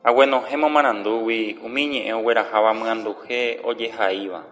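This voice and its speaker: A man teaching a language lesson, going slowly and drawing out each example word. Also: lowish voice, steady tone, a bit bright, big-room sound, soft background music. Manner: slow, deliberate, drawing out example words.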